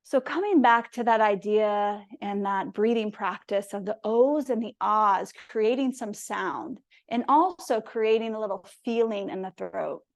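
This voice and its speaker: A woman leading a guided yoga and breathing lesson, with calm, gentle cues and drawn-out breath sounds. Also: medium pitch. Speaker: mindfulness and yoga instructor.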